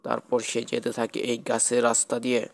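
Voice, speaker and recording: A man's voice: medium pitch, monotone, moderate pace, vocal fry. A man narrating a children's cartoon ghost story in a plain, repetitive storytelling manner.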